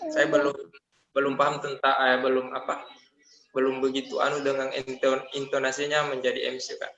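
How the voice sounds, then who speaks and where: Young man, student, hesitant, lots of fillers, bright tone, roomy echo. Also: mid-range voice, monotone, brisk, lo-fi sound. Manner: hesitant, many fillers when speaking freely. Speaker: student trainee. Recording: roomy echo on call audio.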